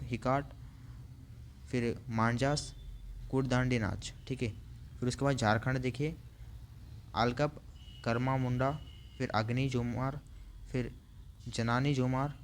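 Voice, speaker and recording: A man teaching an online class, running through long lists and slowing down to sound out hard names. His voice sits at an ordinary middle pitch, and a faint hiss sits under it. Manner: reads out lists, adds frequent "theek hai" fillers; slows down to spell out hard names.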